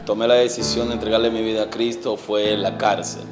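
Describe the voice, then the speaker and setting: Over music, a man from the Dominican Republic in his forties tells his testimony as an evangelist guest in an interview. His lowish voice is flat and carries a Dominican accent, and he sounds earnest, hesitating with many fillers before trailing off softly.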